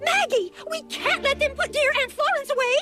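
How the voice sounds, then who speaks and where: Very high, chirpy cartoon mom. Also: female voice, normal speed. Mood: concerned, sweet. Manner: dainty, gushing, earnest. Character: sweet, chirpy, genteel cartoon family mother. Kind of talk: animated cartoon acting. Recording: loud music behind the dialogue.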